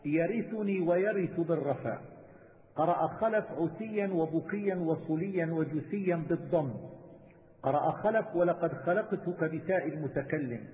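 High-voiced man in tinny, reverberant sound. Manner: measured, methodical listing. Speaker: teacher of Quranic reading variants. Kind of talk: chanted recitation and itemized explanation.

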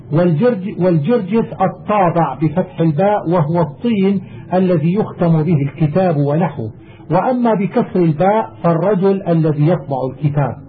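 Male reciter, high voice, measured chanting delivery, narrow tinny sound. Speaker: teacher reading a lexical text. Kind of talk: reciting verse and reading commentary. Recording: tinny phone-like audio with faint hiss.

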